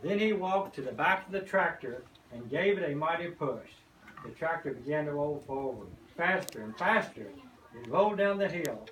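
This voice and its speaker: Older grandpa voice reading, echoey and distant. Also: male voice, on the high side, expressive, moderate pace, fairly bright tone. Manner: folksy, explains pictures to children. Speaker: grandfather reading to a first grade class, farmer. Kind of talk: reading a children's storybook aloud with asides. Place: echoey indoor classroom. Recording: roomy, distant microphone, noisy background.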